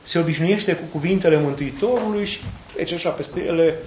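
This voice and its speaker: A man preaches a sermon in a fairly high voice, retelling scripture with folksy, animated asides. The sound is roomy and echoey, as in a church, with a faint hiss of background noise underneath. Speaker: Orthodox preacher.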